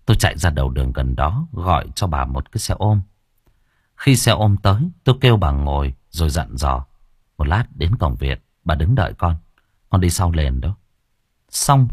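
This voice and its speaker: A man narrating a first-person audiobook, husky and calm. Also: sits low, dry recording, clean studio sound.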